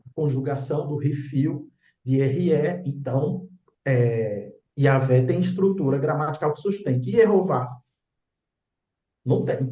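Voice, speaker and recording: A man's voice: fairly high pitch, mellow. A man explains slides as a religious teacher, insistent and often checking in with the listener. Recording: echoey room, dull lo-fi sound.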